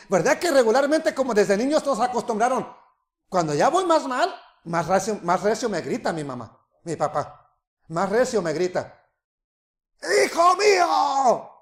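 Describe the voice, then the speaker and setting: High-voiced animated male preacher. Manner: animated preaching, acts out voices, rises and drops in volume. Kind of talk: sermon. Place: congregation.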